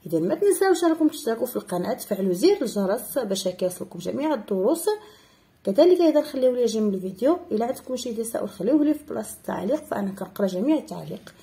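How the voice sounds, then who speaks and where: A woman speaking Arabic with a Moroccan accent, teaching young pupils online and patiently repeating words slowly. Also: fairly high pitch, big pitch swings, vocal fry, dark tone. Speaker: primary school teacher. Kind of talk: online lesson explaining exercises.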